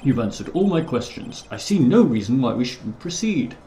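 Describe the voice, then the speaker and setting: A man voicing a stern older male judge in a courtroom game, asking formal, measured questions. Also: medium pitch, big pitch swings, mellow.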